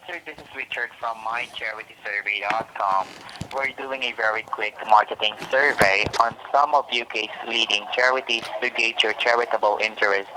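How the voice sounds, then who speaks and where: Bright-voiced polite telemarketer man. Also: on the low side, slight background noise, poor audio. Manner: polite and patient, repeats "sir", spells his name in the phonetic alphabet. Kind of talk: scripted survey call.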